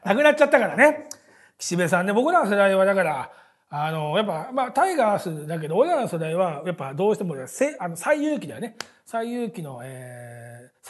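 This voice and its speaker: A man's voice: high voice, husky. A man in his forties, hosting a casual talk show, telling long rambling stories with many fillers and frequent laughter. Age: 40s. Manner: chatty storyteller, many fillers and restarts; laughs often while talking. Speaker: podcast host.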